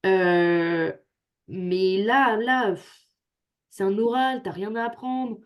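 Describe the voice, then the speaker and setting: A young adult woman tutors students over a video call, chatting away and cracking jokes at her own expense. Her mid-range voice is clear and resonant, and she takes things slowly. It's picked up by a computer microphone, so the audio sounds dull.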